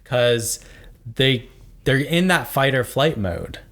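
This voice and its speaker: A man's voice: mid-range voice, animated, takes it slowly, fairly bright tone. A man co-hosting a podcast in casual chat, agreeing with his partner and building on her points. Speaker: podcast co-host.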